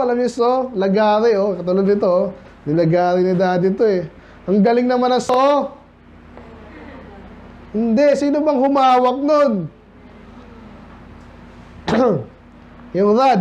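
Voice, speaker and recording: In a very high, slightly mellow voice, a Filipino preacher leads a midweek Bible study, addressing the congregation with frequent questions. His manner is conversational, Tagalog laced with English. The church-hall recording is lo-fi and dull, with faint noise.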